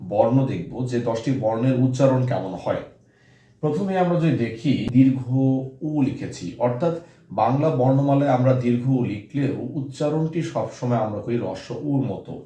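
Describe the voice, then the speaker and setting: A man's voice: medium pitch, dark tone, reverberant. A male teacher giving a lesson to students, explaining step by step and saying example words aloud several times. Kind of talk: classroom lesson on pronunciation.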